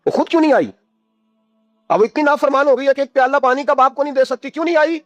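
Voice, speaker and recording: A man's voice: very high-pitched, a little mellow, no room sound, soft background music, voice pushed up. A preacher puts on a stern older ruler who fires questions at his household, and the voice climbs sharply as he presses. The recording is muffled and dull, with a dry, close sound. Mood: angry. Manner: demanding, questioning.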